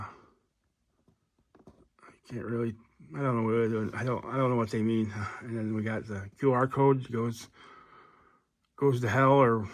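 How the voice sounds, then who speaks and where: A man casually reviewing an action figure, relaxed and rambling with lots of fillers and restarts. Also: mid-range voice, a little hiss or hum. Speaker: toy reviewer.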